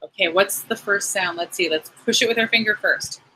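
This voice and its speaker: A woman teacher giving a phonics lesson to young children, sounding out words slowly and encouragingly. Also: mid-range voice, bright, forceful tone, slight background noise, poor audio. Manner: slow, clearly segmented sounds, encouraging.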